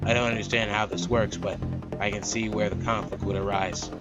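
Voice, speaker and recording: A man with a voice on the low side hosts a let's play, speaking fairly quickly with fairly even intonation. He reads the narration aloud and slips in casual jokes, with game music playing behind him.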